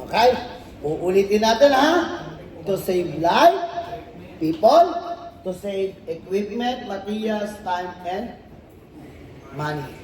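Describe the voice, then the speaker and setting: A man's voice: high-pitched, animated, takes it slowly, pauses often, darkish tone. A man with a Filipino accent giving a safety and security training lecture to a class. He mixes English phrases into his talk and keeps checking in with rhetorical questions like "tama?" and "di ba?". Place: training room in front of a class. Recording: echoey room, voice picked up from a distance.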